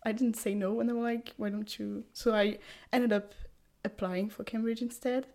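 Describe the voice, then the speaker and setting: Speaking at a normal speed with fairly even intonation, this French woman in her twenties has a slightly high voice with a darkish tone. As a podcast guest and English language student, she chats casually in accented English, hesitant and full of fillers and restarts.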